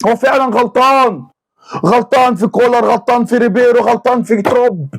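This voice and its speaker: Fast-talking, high-voiced Egyptian man ranting. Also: creaky. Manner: exasperated, repeats phrases over and over. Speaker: football fan vlogger. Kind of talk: angry fan reaction rant.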